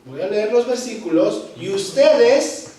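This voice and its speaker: Slow-paced man teaching in an echoey church hall. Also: sits high, animated, warm tone, distant mic, slight background noise. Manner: slow, repeats key words, checks in with "¿Ok?". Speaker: Bible teacher. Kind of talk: Bible study class.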